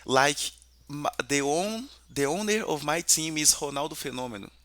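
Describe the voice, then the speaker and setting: A man's voice: a little high, expressive, normal speed, a bit bright. A Portuguese-speaking man from Brazil practicing English conversation, often repeating words while he searches for them. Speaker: English student.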